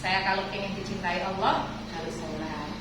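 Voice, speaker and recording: A woman's voice: on the low side, fairly even intonation, moderate pace, very noisy. A woman with an East Javanese accent giving a casual religious lesson to students, asking rhetorical questions and answering them herself. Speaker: religious teacher addressing students. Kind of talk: informal religious lesson with a personal story. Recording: echoey room picked up from a distance.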